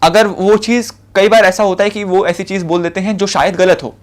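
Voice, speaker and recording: A man's voice: sits high, flat delivery, fairly quick. A young man with an Indian accent, giving a spoken lecture of interview advice in a casual, conversational way, with fillers and repeated short points. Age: young adult. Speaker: civil services officer giving interview advice.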